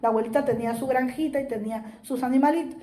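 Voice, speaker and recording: A woman's voice: high-pitched, fast, dark tone. A woman giving a sermon in Spanish, telling a story expressively before turning it into a lesson for her congregation. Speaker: preacher. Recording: roomy echo.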